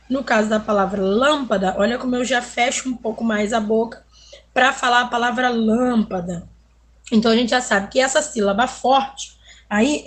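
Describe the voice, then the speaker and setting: A woman teaches a children's video lesson in a fairly high voice. She goes slowly and patiently, drawing out vowels and example words so young pupils can hear them. She keeps checking in with her class as she explains. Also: fairly bright tone. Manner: ends phrases with "tá?" checking in with pupils. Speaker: primary school teacher.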